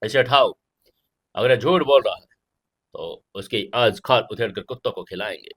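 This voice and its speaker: A man's voice: lowish voice, normal speed, fairly bright tone. A man voicing a harsh, threatening militant commander who barks orders in an audio drama. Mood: menacing. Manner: barked orders.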